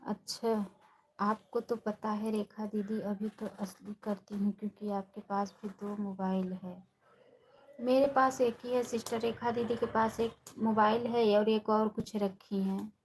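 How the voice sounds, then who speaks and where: Slow-talking woman with a gravelly voice. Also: medium pitch, fairly even intonation, slight background noise, rough recording. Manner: chatty, addresses viewers by name; talks softly and slowly, holding her voice down. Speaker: live-stream host. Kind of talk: casual live-stream chat.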